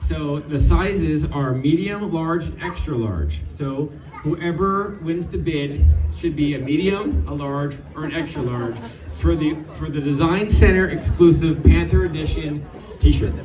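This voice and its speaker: A man's voice: a little high, a little slow. A man casually presenting auction items to a crowd in an informal, unscripted, slightly hesitant way. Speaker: car designer presenting charity auction lots. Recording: echoey, dull, distant mic with music.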